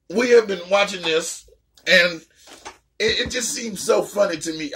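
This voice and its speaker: A young adult woman with a deep voice hosts a casual reaction chat. She talks loud and brash, swearing a lot and playfully trash-talking.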